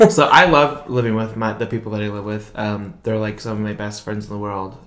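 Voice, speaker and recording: A man co-hosting a podcast, chatting casually with quick reactions and teasing jokes. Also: lowish voice, steady tone, a bit bright. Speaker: podcast co-host. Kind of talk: casual chat. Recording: roomy echo.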